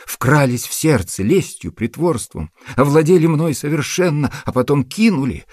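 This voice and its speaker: A man's voice: on the low side, dark tone, breathy edge, no room sound, studio quality. A man voicing a jilted young woman in a storybook reading, threatening revenge and pleading desperately. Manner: threatening, then tearful and pleading.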